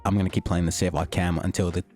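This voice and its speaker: A young man giving excited, slangy commentary over his own gameplay, his voice starting to go. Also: low voice, racing, faint music behind. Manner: hyped, slangy, swings between joking and shouting. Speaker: gaming YouTuber. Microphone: desktop mic, peaking.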